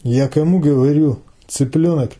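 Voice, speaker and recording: A man's voice: on the high side, normal speed, dark tone, slightly rough. A man voicing a cold blond teenage boy, leader of a camp gang, giving lazy, mumbled orders. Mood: commanding.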